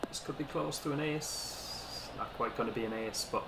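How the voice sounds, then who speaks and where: A man's voice: mid-range voice, normal speed, vocal fry, heavy background noise. A man casually commentating on his own gameplay, understated and muttering to himself, with occasional swearing. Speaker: video game player commentating. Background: golf game audio.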